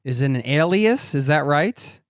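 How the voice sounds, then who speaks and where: A man's voice: a little high, lively intonation, normal speed, clear, resonant tone, no room sound. Friendly guy hosting a travel podcast, upbeat, dry close mic. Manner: upbeat, friendly addresses to listeners. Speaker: podcast host. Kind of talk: podcast intro and interview.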